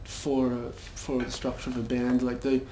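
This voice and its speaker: A man's voice: mid-range voice, completely flat delivery, moderate pace, warm tone, close to an everyday voice. A young man playing a vain, pompous band frontman in a mockumentary interview, hesitant and full of fillers. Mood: smug. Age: young adult. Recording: echoey room with faint noise.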